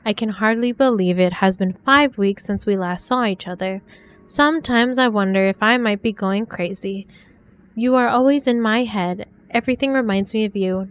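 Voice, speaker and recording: In a game, a woman reads aloud the heartfelt letters a young 1940s woman wrote to a secret love. She's a young adult with a smooth, clear, mid-pitched voice, reading softly and sincerely with a light touch of acting.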